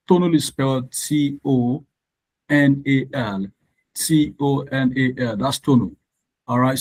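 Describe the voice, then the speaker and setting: Over poor audio, this male tutor's mid-range voice comes through with a darkish tone. He's from Nigeria and grew up speaking Yoruba, and in his online exam-prep lesson he patiently explains, spells words letter by letter, and often asks students "all right?"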